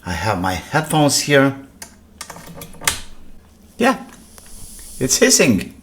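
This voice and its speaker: Workbench clatter is clearly audible as a repair host narrates his hands-on work indoors. His voice is medium-pitched with huge swings in pitch, and he talks very slowly, questioning and answering himself in brief, casual phrases.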